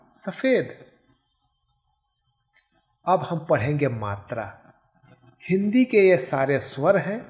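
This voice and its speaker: A male teacher giving a Hindi grammar lesson, explaining step by step and saying example words slowly and carefully. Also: on the high side. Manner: explains step by step, often checking with "ठीक है". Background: background noise.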